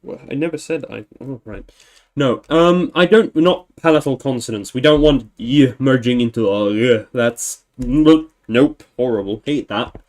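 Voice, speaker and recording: A livestream host with a medium-pitched, darkish voice thinks aloud in an unhurried, casual way. He meanders, often corrects himself, and chuckles.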